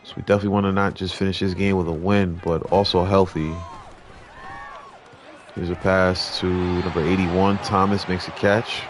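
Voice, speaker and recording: A young man giving relaxed, conversational play-by-play commentary over a football video game. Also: low voice, normal speed, a crowd in the background, background noise. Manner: relaxed, conversational, mild restarts. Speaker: gaming commentator.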